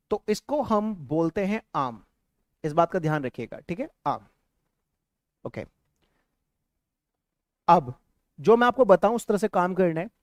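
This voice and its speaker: Animated high-voiced man teaching. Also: clear, resonant tone, dry recording, clean studio sound. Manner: animated, repeats words for drilling. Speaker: English teacher. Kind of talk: classroom lesson.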